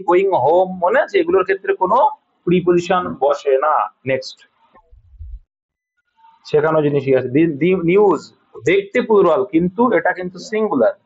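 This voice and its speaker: A man's voice: high-pitched, fairly quick, gravelly, slightly rough. A man with a Bengali accent teaching an English grammar lesson, patiently repeating points and checking that students understand. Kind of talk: classroom lesson, explaining sentence corrections. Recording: dull lo-fi sound.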